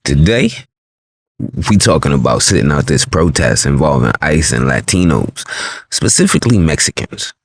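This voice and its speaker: Very deep gravelly man hosting a channel. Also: no room sound. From New York City. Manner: blunt, reflective storytelling. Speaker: channel host. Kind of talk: commentary monologue.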